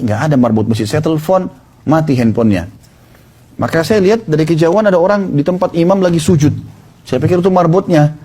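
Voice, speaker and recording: A male preacher, telling stories in a sermon and acting out the dialogue of the people in them. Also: on the high side. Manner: retells stories with quoted dialogue, fast and animated. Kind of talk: storytelling sermon.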